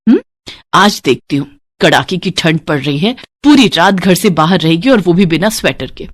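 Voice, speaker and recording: A woman's voice: lowish voice, lively intonation, moderate pace. Cruel, threatening stepmother for a cartoon story, voiced by a woman, harsh and mocking. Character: cruel, scolding stepmother in a village. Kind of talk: animated storybook voice acting.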